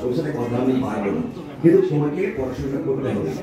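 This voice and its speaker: Male puppeteer straight man, quick delivery, scolding and explanatory, heard from afar with heavy echo. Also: medium pitch, expressive, crowd noise. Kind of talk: comic stage dialogue with a puppet. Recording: very echoey hall, distant mic, audience.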